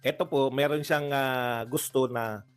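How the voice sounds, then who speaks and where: A Filipino man in a casual political reaction chat, speaking at an ordinary middle pitch with faint music underneath. He talks in a loose, chatty way, breaks into laughter often and slips into mocking impressions. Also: steady tone, unhurried, smooth. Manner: chatty, laughs often, mocks with put-on quotes. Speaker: political commentary co-host.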